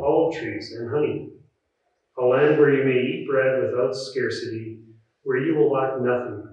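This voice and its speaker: A man reading scripture aloud in a large church, with a measured, solemn delivery and a cathedral echo. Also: mid-range voice. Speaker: scripture reader. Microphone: distant room microphone. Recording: echoey muffled church recording from far off.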